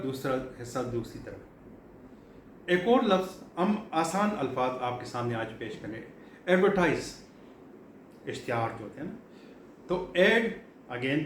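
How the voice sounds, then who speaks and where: A middle-aged man from Pakistan teaching English vocabulary in a classroom lecture style, explaining patiently and repeating key words with frequent fillers. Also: medium pitch. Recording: echoey room, faint background hum.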